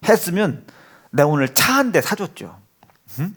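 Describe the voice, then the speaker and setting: A man's voice: medium pitch, sing-song, normal speed. A middle-aged man preaching a sermon as pastor, telling a family story and acting out voices, sometimes dropping to a whisper. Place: church sanctuary.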